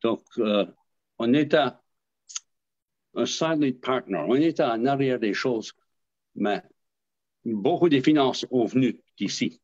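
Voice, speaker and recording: A man's voice: medium pitch, slow, long pauses, a little mellow. Hesitant Acadian man on a dull recording. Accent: Acadian French. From southwest Nova Scotia. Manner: hesitant, repeats words, chuckles while telling stories. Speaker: interviewee, association representative. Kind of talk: casual storytelling interview.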